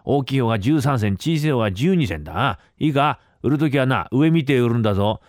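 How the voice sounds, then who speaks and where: A man's voice: mid-range voice, lively intonation, quick pace, dry recording, studio quality, close to an everyday voice. A man doing a brusque scolding uncle. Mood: instructing. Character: bossy middle-aged vegetable-seller uncle. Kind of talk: rakugo storytelling.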